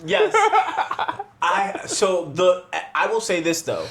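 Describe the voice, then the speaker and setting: A man's voice: sits high, wildly swooping pitch, slow pace, fairly bright tone. A man co-hosting a podcast, bantering in a loose, profane, laughing way. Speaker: podcast co-host. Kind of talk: casual crude banter.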